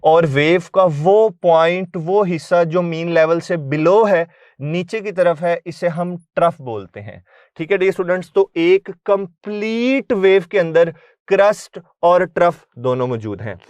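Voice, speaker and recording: A man's voice: high voice, animated, measured pace, a little mellow, smooth, dry recording. A young man teaching physics in a recorded lecture, often calling his class "dear students". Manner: keeps saying "dear students", mixes English terms into Hindi.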